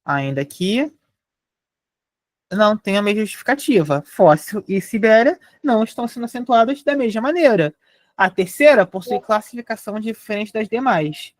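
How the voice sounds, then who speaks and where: A young Brazilian woman teaching a live online grammar lesson, explaining step by step and spelling out syllables slowly. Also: mid-range voice, expressive, no echo, studio quality. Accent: Brazilian Portuguese.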